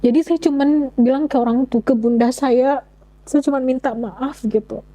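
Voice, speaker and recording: A woman's voice: high voice, normal speed, dark tone, poor audio. A young woman telling her personal story in an interview, speaking earnestly with frequent halts and restarts. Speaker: interview guest.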